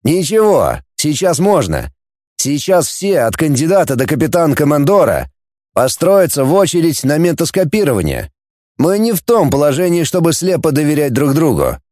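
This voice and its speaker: A man voicing a gruff, mocking male fleet commander who barks orders, in an audiobook. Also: on the high side, huge pitch swings, normal speed, a little mellow, no echo, studio quality. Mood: commanding. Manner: barking orders, sneering.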